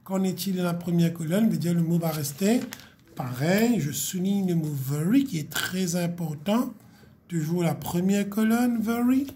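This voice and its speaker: Slow, patient woman teaching a lesson. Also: on the low side, lively intonation, warm tone, a little hiss or hum. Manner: patient, repeats words slowly, checks with "ok?". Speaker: primary school English teacher. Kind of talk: classroom lesson explanation.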